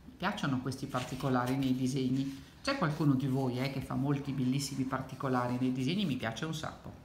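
A woman's voice: very deep voice, fairly even intonation, fairly quick, darkish tone, roomy sound, slight background noise. A woman reading a picture book aloud to children, chatting with them and pointing at the pictures. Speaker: storybook reader.

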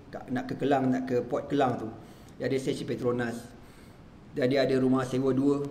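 A man's voice: medium pitch, mellow, roomy sound, slight background noise. A man with a Malaysian accent, a religious teacher giving a sermon and telling a story, acting out the quoted dialogue. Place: mosque prayer hall.

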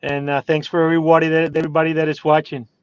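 A Cuban man in his forties, speaking English as a second language with a Cuban Spanish accent, tells his story hesitantly and with many fillers from inside a parked car. His voice is a little high, level, very fast, clear and resonant, with no room sound. He is a guest in a casual interview over a phone video call, and the audio is dry and slightly dull.

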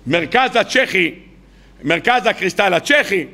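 This rabbi has a high, creaky voice with lively intonation. At an evening lecture, he gives his weekly Torah talk as a colloquial storytelling sermon, addressing the audience as "gentlemen" and acting out the people in his tales.

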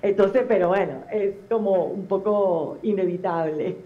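Heard through narrow, tinny audio, a middle-aged woman speaks unhurriedly at a medium pitch. She's a telenovela actress being interviewed on TV, chatty and expressive with many fillers, and her Venezuelan accent has some Argentine touches.

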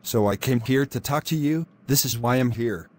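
A man voicing a gentle, consoling pastor in an animated drama. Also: medium pitch, normal speed, close to an everyday voice. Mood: soothing. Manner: soothing, consoling. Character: gentle, reassuring male pastor.

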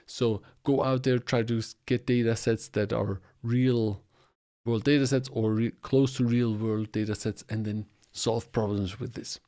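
A man in his forties gives a solo podcast monologue in an explanatory way. His voice sits at an ordinary middle pitch. He is recorded close on a podcast mic in a small home studio. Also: steady tone, unhurried, dark tone. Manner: explanatory, talks with his hands. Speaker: podcast host. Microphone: podcast mic on boom arm, close.

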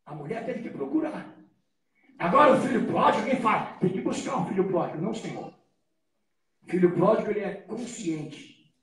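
A high-pitched Brazilian preacher with a lively, swooping voice acts out the scenes of his sermon and bursts into shouts. He is heard from a distance in a very echoey church hall. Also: normal speed, pauses often. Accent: Brazilian Portuguese. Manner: dramatic storytelling, acting out scenes, sudden shouts.

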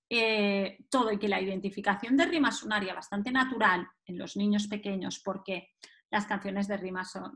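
A woman's voice: mid-range voice, fairly bright tone. A woman gives a webinar talk on teaching young readers. She explains in a patient, methodical way and breaks words into single sounds to show how it is done. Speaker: webinar presenter on early literacy.

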